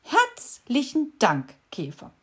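A woman's voice: wildly swooping pitch, slow pace, breathy edge, exaggerated voice. A woman voicing a whiny, tearful male beetle in a children's storybook reading, howling and sobbing. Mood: whining. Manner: howling, sobbing, high and loud.

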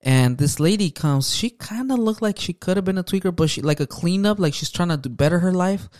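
Laid-back podcast co-host, dry sound. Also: male voice, sits high, expressive, fairly quick, a little mellow, dry recording. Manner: laid-back anecdotal storytelling, agreeable. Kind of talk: casual chat.

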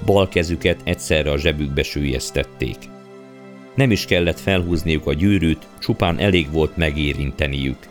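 A man narrating a storybook audiobook in a measured, dramatic way. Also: very deep voice. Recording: faint background music.

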